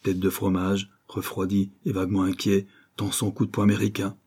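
A man narrating a novel in an intense, dramatic audiobook reading. His voice sits low and dark with a husky grain, and he drives the prose forward with urgent force. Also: monotone, normal speed.

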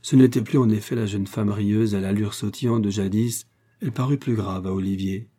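Mellow-voiced male audiobook narrator. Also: fairly low pitch. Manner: steady, measured reading. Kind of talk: scripted narration.

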